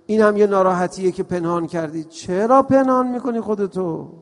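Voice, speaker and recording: High, gravelly preacher man in a reverberant hall. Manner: emphatic, rhetorical questions, drops to soft tones. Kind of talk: religious lecture.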